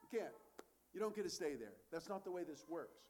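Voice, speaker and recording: A man's voice: a little high, sing-song, a little fast, a little mellow, slight background noise. A man preaching a sermon as a pastor, earnest and conversational, asking rhetorical questions and answering them.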